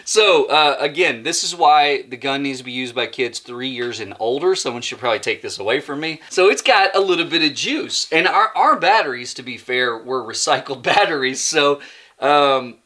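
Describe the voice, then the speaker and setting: A man's voice: medium pitch, animated, normal speed, sharp tone. A man hosting his own channel, giving a casual hands-on toy review in a rambling, self-mocking, chatty way.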